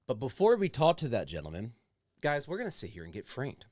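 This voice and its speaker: A man hosts a casual podcast with rambling, slangy talk. His mid-pitched voice moves around a lot, and the sound is dry. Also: wildly swooping pitch, a little fast, no echo. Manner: rambling, profane, slangy with frequent "dude". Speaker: podcast host.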